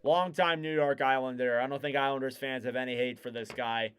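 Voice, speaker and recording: A man giving casual live play-by-play commentary on a hockey game, getting louder and keener on the big plays. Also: mid-range voice, steady tone, fairly quick, very noisy.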